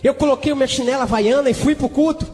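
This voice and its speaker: A man preaching a testimony in church, telling his story fervently, with sudden shouted exclamations and bursts of tongues between sentences. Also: very high voice, fast talker. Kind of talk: sermon testimony. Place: church hall. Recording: echoey church hall with music behind.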